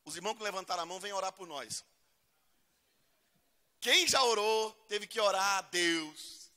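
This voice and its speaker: A man's voice: sits high, normal speed, pushed and bright. A male pastor preaching a humorous sermon in a church, acting out prayers in voices. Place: church hall. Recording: long church reverb.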